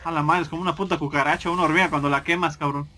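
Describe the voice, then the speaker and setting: A man's voice: on the high side, steady tone, racing, sharp tone. A man doing casual, joking gameplay commentary and swearing constantly.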